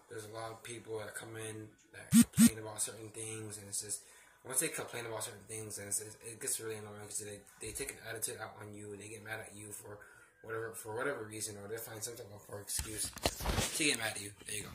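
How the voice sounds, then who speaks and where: Brisk and flat, this young adult's lowish voice comes through a low-quality, handheld home recording made on a phone or laptop at arm's length, with faint noise. The theme park ride worker vlogs hesitantly from his small bedroom, rambling in a subdued way while nursing a sore throat and a cold sore on his lip.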